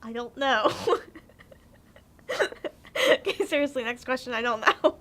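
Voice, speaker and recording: A woman's voice: a little high, a little slow, a bit bright, slight background noise, low-quality recording. An eighteen-year-old woman, a graduating homeschool student, giving candid, giggly interview answers.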